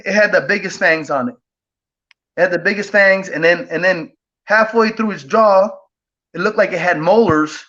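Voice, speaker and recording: A man with a high, bright, forceful voice tells a story as a guest, rambling and circling back with fillers and quick check-ins to his listener. The audio is dull and lo-fi. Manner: rambling, with many fillers and tag questions. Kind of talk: casual storytelling.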